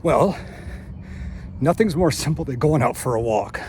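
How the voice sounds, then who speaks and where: A man's voice: a little high, lively intonation, unhurried, darkish tone. A man in his fifties talking casually to camera during outdoor exercise, out of breath and speaking with a missing front tooth. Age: 50s. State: winded, out of breath. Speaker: fitness vlogger. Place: outdoors on a walking route. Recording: outdoor noise, passing vehicle sounds.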